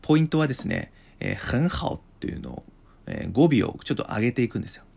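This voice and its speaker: A male language teacher on a podcast lesson, explaining slowly with many hesitations and restarts. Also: mid-range voice, sing-song, gravelly, darkish tone, breathy edge.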